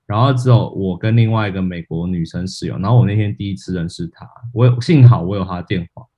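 A low-pitched man tells a funny story from his own life in a relaxed podcast chat. He laughs at himself and acts out the lines of people in the story. The audio is muffled and lo-fi. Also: fast, slightly rough. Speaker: podcast co-host.

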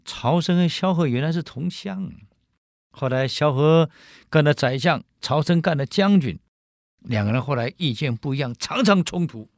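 A man lecturing on management through stories from history, acting out scenes and adding quick asides. His pitch sits a little high and moves a lot. The sound is dry and close. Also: dry recording. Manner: lively, acts out scenes, explains asides. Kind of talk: animated storytelling lecture.

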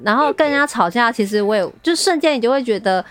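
A woman's voice: on the high side, animated, quick pace. A woman with a Taiwanese Mandarin accent chatting casually as a co-host of a book show. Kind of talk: casual chat about books.

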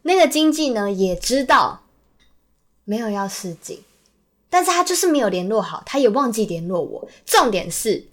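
A young adult woman, a podcast guest and actress, telling a story in casual chat, animated and quick to act out the people she quotes. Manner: animated, acts out quoted people with a lowered soft voice; bursts into loud laughing exasperation.

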